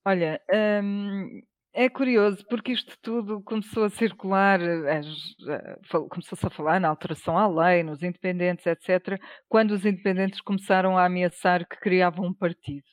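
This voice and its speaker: A woman with a European Portuguese accent, giving political commentary on a panel with measured, hesitant restarts. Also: fairly low pitch, steady tone, no room sound. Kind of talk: panel discussion.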